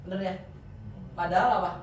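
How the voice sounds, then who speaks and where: Male grammar teacher, lively and quizzing, recorded far from the mic with a dull sound. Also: high voice, quick pace, slight background noise. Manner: lively, quizzing students with frequent questions. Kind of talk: classroom lesson. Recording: echoey room, distant dull mic.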